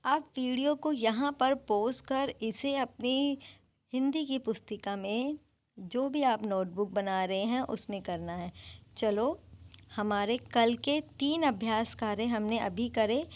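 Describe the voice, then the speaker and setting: Lady teacher doing an online class for little kids, slow careful word by word, bit high pitched. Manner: slow, deliberate drilling of words one by one. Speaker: primary school teacher.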